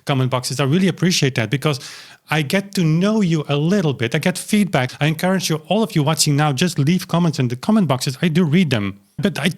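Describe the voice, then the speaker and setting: Talking casually to camera in a small, cozy home studio, a YouTube channel host rambles with many restarts and fillers. His voice sits on the high side, and he speaks fairly quickly.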